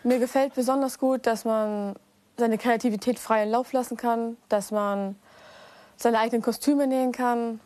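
A woman's voice: on the high side, steady tone, normal speed, mellow, no echo. A 21-year-old woman apprentice answering interview questions, eager and a little hesitant.

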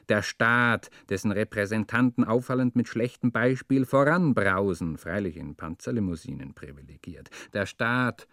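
Slow, sardonic man ranting. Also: lowish voice, no echo, studio quality. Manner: sardonic ranting with puffing breath sounds. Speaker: narrator. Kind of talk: dramatic literary monologue.

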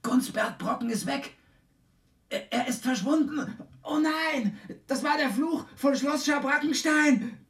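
Someone doing a disembodied director guy calling in from the control room, echoey room, far off the mic, brisk and official. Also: high voice, fairly bright tone. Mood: alarmed. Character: male broadcast director heard from the control room. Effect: disembodied voice from off-stage, distant and roomy. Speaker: broadcast director of the show. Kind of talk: children's radio show comedy.

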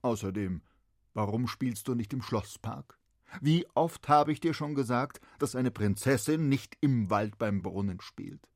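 A man's voice: mid-range voice, animated, a little slow, dry recording, studio quality. A fussy, grumbling king-father. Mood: scolding. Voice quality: huffy, scolding. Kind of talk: children's radio play.

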